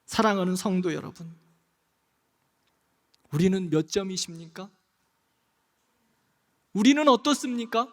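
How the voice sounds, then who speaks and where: A male pastor preaching a sermon in a church, passionate, dropping soft and rising loud, slowing on key phrases. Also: high-pitched, expressive. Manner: impassioned, swings between soft and loud, slows on key phrases. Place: church sanctuary. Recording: long hall reverb.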